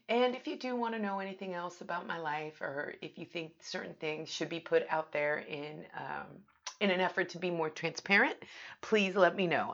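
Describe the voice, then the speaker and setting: A woman's voice: lowish voice, a bit bright. A woman hosting a casual solo podcast from her home bathroom, chatting informally and with self-deprecation. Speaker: podcast host. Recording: dull lo-fi, home bathroom sound.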